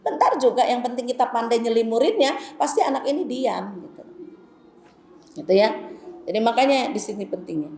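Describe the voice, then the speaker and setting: A woman's voice: fairly high pitch, animated, fairly quick, mellow. A middle-aged woman gives a conversational Islamic lecture to women, telling stories and addressing them directly. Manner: chatty, storytelling, addresses the women as "Bu". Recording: echoey hall, faint background noise.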